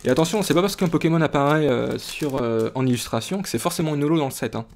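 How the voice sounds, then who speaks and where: A slightly high, creaky male voice talks fast over faint background noise. It's a young French YouTuber casually chatting to camera while opening a trading card box, rambling with frequent restarts and fillers.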